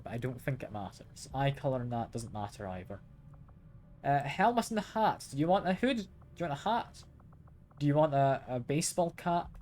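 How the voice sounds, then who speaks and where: A man's voice: mid-range voice, darkish tone, a little hiss or hum. A man streaming a game live, chatting casually, asking his viewers questions and chuckling often. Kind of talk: casual live gameplay chat.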